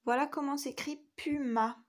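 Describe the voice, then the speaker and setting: A woman's voice: high voice, fairly even intonation, normal speed. A woman teacher giving a recorded spelling lesson to young children, patiently sounding out each letter and syllable. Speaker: kindergarten teacher.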